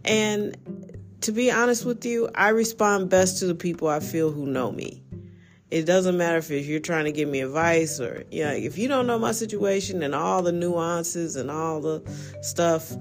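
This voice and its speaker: A woman's voice: low voice, darkish tone. A woman hosting a casual personal monologue, candid and reflective, who laughs often and restarts her sentences.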